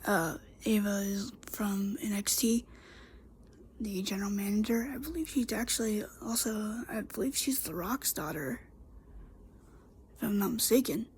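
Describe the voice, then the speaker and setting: A woman who reviews wrestling on YouTube recaps a show solo in a casual, chatty, rambling way, full of fillers and restarts. Her voice is congested, medium in pitch, unhurried, a little mellow and slightly rough.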